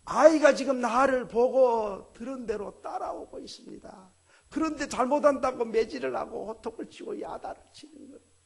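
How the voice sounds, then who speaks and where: A man preaching a sermon as a pastor, animated, acting out family dialogue. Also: very high voice, normal speed, vocal fry, slightly rough.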